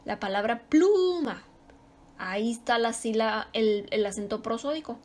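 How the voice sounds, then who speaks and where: A woman teaching a grammar lesson, explaining slowly and repeating example words with strong stress. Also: fairly high pitch, little pitch movement.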